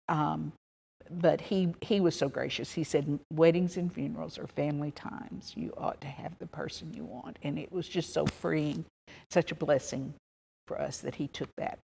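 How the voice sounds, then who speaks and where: Creaky, low-voiced older woman reminiscing. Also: a little mellow. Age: 70s. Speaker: interviewee, wife of a minister. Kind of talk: reminiscing in a family interview.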